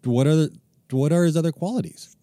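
A man's voice: fairly high pitch, a little fast, warm tone, no room sound. A man co-hosting a podcast, asking wry, teasing questions in casual chat. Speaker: podcast co-host.

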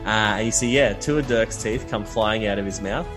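A man's voice: lowish voice, normal speed, music in the background. A man running a tabletop game as game master, telling the action in a loose, casual way with many fillers.

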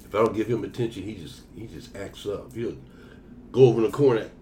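A man's voice: fairly low pitch, fast talker, dark tone, a little hiss or hum. A man chatting casually, emphatic and profane, often repeating himself for stress. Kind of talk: casual chat.

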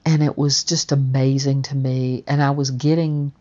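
A woman's voice: a bass voice, little pitch movement, moderate pace, warm tone. A woman telling a personal story in a chatty, rambling way, full of fillers and restarts. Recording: dull, muffled audio.

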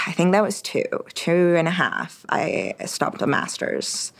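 A young Quebec woman, French being her first language, chats casually as an interview guest, full of fillers and restarts. Her voice sits fairly low but swoops wildly in pitch, moving at a slow pace with a creaky yet fairly bright tone.

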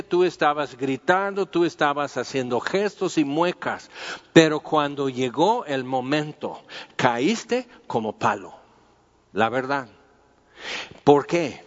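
Slow-talking man teaching the Bible. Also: mid-range voice. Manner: informal, repeating himself and using many fillers. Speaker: preacher. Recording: dull, lo-fi sound with long hall reverb.

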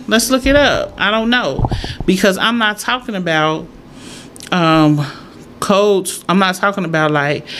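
A woman's voice: fairly low pitch, a bit bright. A woman chatting casually to followers as a host, thinking aloud and repeating her points for emphasis. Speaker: solo host. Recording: clear background noise, room ambience.

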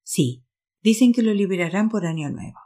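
A woman's voice: medium pitch, animated, moderate pace, mellow, lightly acted. A woman reading a novel aloud, voicing an insistent, bossy sister who turns firm and soothing by turns. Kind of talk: audiobook reading.

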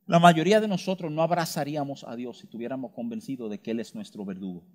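A man preaching a sermon with emphasis, tossing in frequent rhetorical tag questions and moving between quick asides and slow, stressed words. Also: medium pitch, a little mellow.

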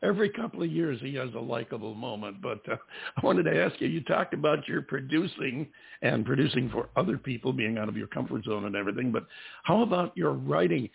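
An older man hosts a casual interview in a gravelly, husky voice with an easygoing, joking manner. His voice comes through a thin, phone-like line at a middle pitch. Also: lively intonation, brisk. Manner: easygoing, jokey banter. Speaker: show host.

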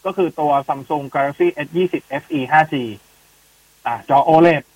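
Chatty man with a husky voice. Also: a little high, fairly even intonation, takes it slowly, no echo, dull audio. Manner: chatty, explains phone specs with many fillers. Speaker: tech podcast co-host answering listener questions. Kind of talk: casual chat.

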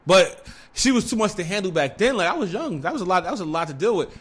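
A young man telling a wild story in casual, profane street slang, rambling with lots of fillers and growing animated. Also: sits high, fast talker, breathy edge. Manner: animated, breaks into laughter. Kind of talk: casual chat.

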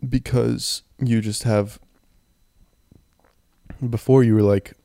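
A young man with a phlegmy, sick throat rambles in a low-key way as he hosts a casual solo podcast into a close handheld mic. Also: steady tone, slow, creaky, dark tone, no room sound. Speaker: podcast host. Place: in bed, indoors. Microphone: handheld mic and audio recorder, close.

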